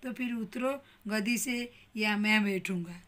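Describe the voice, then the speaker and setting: A woman's voice: mid-range voice, measured pace, fairly bright tone, lightly acted. A woman teacher voicing a cheeky, clever little male mouse in a children's story. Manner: demanding, sing-song taunts.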